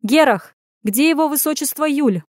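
A woman's voice: on the high side, darkish tone, no echo, clean studio sound, lightly acted. A woman playing a fierce, brash young heroine. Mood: urgent. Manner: commanding, blunt, quick-tempered.

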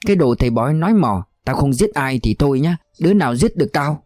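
A man's voice: on the high side, animated, fast, dry recording, studio quality. A man voicing a hot-tempered young brawler, boasting angrily. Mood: furious. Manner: angry, boastful shouting.

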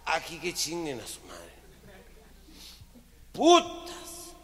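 Man doing a loud drunk Mexican guy. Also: high voice, animated, normal speed, big-room sound, pitched above the performer's own voice, heavily acted. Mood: drunk rowdy. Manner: shouting, slurred, cussing.

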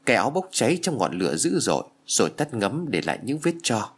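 A man narrating a first-person ghost story in an expressive reading. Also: fairly low pitch, fast, husky.

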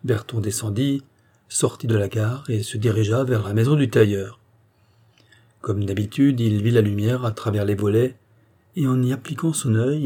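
A man reading a novel aloud as narrator in measured storytelling. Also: fairly low pitch, mellow, husky. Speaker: audiobook narrator. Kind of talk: scripted narration.

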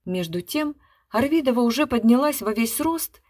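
A woman narrating a literary short story in an expressive storytelling manner. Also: on the high side, normal speed, slightly rough. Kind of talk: literary reading.

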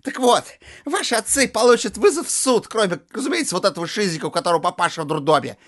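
Guy doing a nasty sneering junkyard man, voice pushed up higher and hushed, swoops all over, sounds kinda off from his usual. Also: lively intonation, fast talker. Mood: jeering. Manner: jeering, sneering taunts. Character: spiteful taunting middle-aged male junkyard owner. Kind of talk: audiobook character voice.

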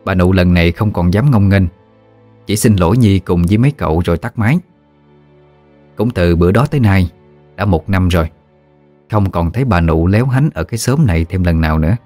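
Man, ghost story narration, very deep voice, faint background music. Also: a little fast, long pauses, no echo. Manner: steady, vivid storytelling.

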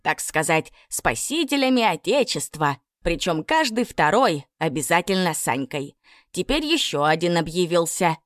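A woman voicing a sharp-tongued invisible household spirit that jeers in a sneering way. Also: sits high, very animated, normal speed, dry recording, clean studio sound, pitched above the performer's own voice. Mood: scornful. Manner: sneering, jeering.

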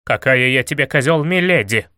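A man's voice: mid-range voice, lively intonation, normal speed, a bit bright, no echo, studio quality, voice pushed down, natural voice. A man voicing a proud, fierce young maiden in a spoken fairy tale, speaking in a declamatory way. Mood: indignant.

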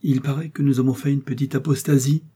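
A man's voice: medium pitch, level tone, fast talker, warm tone, breathy edge, voice pushed up. A man voicing a sneering, mocking aristocratic baron. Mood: sneering mockery. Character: sneering aristocratic English baron, middle-aged.

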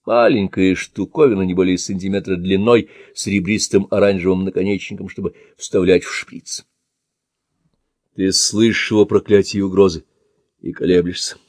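A man reading an audiobook in measured, quiet second-person narration. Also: deep voice, fairly even intonation, dry recording, studio quality.

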